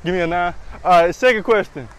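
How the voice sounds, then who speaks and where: A man's voice: sits high, quick pace, fairly bright tone, a little hiss or hum, low-quality recording. A young man hosting playful, teasing outdoor street interviews, asking cheeky questions in slangy casual talk with a handheld mic. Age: young adult.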